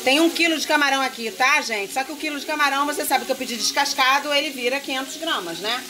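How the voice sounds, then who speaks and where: In a casual cooking vlog, a Brazilian woman in her forties talks fast in a high voice as she cooks at home. A phone held close captures her speaking straight to viewers over the sizzle of a pan and some music.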